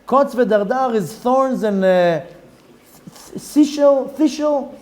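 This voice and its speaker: A middle-aged rabbi with an Israeli accent and a very high voice teaches the Zohar in a Torah lesson. He reads the Hebrew text quickly and explains it in English, using lively rhetorical questions.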